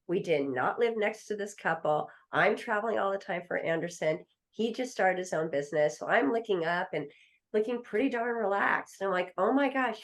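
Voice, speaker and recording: A middle-aged woman, an attorney guest, telling a story in a podcast interview and acting out the voices of the people in it. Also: medium pitch. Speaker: estate planning attorney guest.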